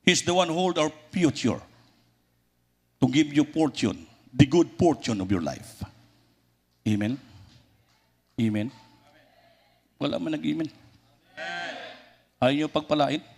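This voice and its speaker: Animated Filipino man preaching. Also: fairly high pitch, vocal fry. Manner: animated, switches into loud voices when acting out stories. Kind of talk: sermon.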